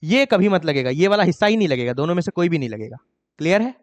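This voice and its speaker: A man's voice: expressive, in a large hall. Emphatic Indian man teaching grammar. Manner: scolding, mocks students' excuses in a higher voice; reads English examples slowly and deliberately. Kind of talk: exam-prep grammar lesson.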